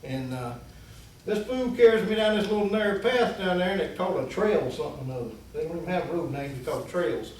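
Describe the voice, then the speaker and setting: A man's voice: high voice, animated, a little fast. A man telling a long folksy story in a rambling way, acting out the voices of the people in it. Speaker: guest storyteller. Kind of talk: casual storytelling. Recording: very echoey room, distant mic, faint hiss.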